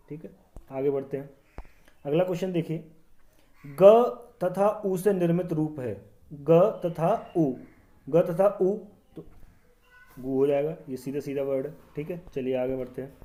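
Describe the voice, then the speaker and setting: Mellow-voiced man walking through a quiz. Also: a little high. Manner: repeats questions, checks in with "ठीक है". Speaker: online exam-prep teacher. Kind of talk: quiz walkthrough, explaining answers.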